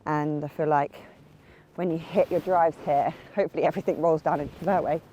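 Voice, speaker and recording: Low-sitting and warm, her voice holds a steady tone at a fairly quick clip, with a little hiss or hum in the audio. This young golf vlogger casually narrates her round outdoors, chatty and poking fun at herself as she talks through each shot.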